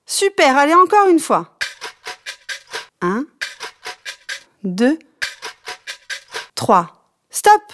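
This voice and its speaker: A woman guiding children through a movement session, counting out each step slowly and encouraging them. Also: high-pitched, very animated, over music. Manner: slow, encouraging counting and instructions. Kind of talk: guided kids' exercise session.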